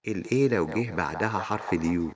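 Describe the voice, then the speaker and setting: A man with a very deep voice and an Egyptian accent, teaching young children the sounds of English letters. He speaks in a friendly, sing-song way and slows down to repeat each example word. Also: highs cut off. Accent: Egyptian Arabic.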